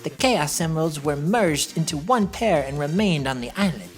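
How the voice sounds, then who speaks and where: Low-voiced Sonic the Hedgehog, played by a woman. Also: animated, normal speed, soft background music. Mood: matter-of-fact. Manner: casual, wry storytelling asides. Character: cocky young male hero hedgehog narrating his backstory. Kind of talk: scripted comic dub narration.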